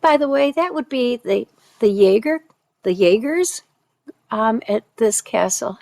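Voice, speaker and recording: A woman's voice: fairly high pitch, animated, a little slow, creaky, a little mellow. A woman from the United States telling a personal story in a chatty, self-deprecating way, with restarts.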